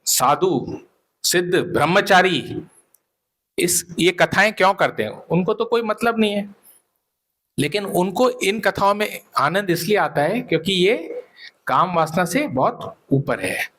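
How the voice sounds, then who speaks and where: A male preacher tells a devotional story with lively energy and acts out the characters' lines. His voice sits a little higher than most men's. He slips English phrases into his talk. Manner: animated storytelling with acted-out dialogue.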